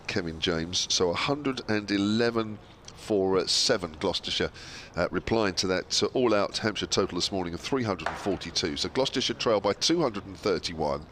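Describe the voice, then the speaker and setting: A man commentating live on cricket, summarising the scores at a break with relaxed, hesitant pauses. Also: sits low, a little hiss or hum. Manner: relaxed, fills gaps with drawn-out hesitations while reading scores.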